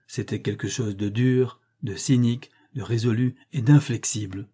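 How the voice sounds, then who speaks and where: A man narrating a classic novel as an audiobook, with a measured, even reading. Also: mid-range voice, husky.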